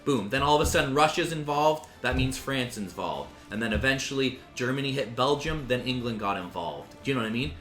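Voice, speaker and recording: A man's voice: medium pitch, animated, a little fast, few pauses, a bit bright. A man giving casual, rambling commentary on a game, swearing freely and restarting his sentences. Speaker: gaming commentator. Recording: roomy sound with faint music.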